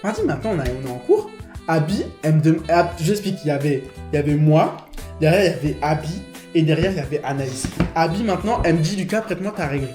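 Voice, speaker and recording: Quick, lively young man in a roomy room. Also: fairly high pitch. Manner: animated storyteller, acts out dialogue. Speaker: vlogger telling a story. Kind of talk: casual chat. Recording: roomy room with music behind.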